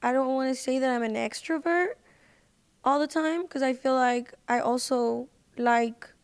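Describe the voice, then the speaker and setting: A high-pitched, clean-toned woman talks at a measured pace as a podcast guest. A singer and social media personality, she chats casually and informally, leaning heavily on "like" and "you know."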